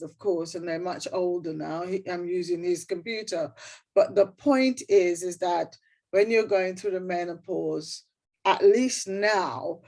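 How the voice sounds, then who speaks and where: A woman's voice: mid-range voice, darkish tone. A middle-aged woman with a Guyanese accent giving an informal, candid personal talk on a video call, repeating words for emphasis. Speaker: guest speaker. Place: indoors at a computer on a video call.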